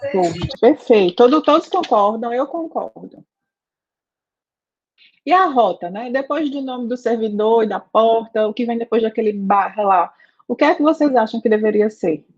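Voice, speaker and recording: A Brazilian woman with a Brazilian Portuguese accent teaches a live online programming class, talking things through conversationally and asking students questions, often checking in with "né?" and "tá?". Her voice is a little high, animated, darkish and slightly rough, at a moderate pace. The lo-fi audio is slightly dull.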